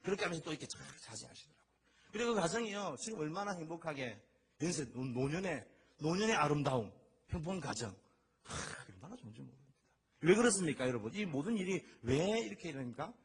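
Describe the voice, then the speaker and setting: Man, middle-aged, pastor preaching, high-ish voice, very expressive storytelling. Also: fast. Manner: lively storytelling, acting out quoted voices. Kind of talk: sermon.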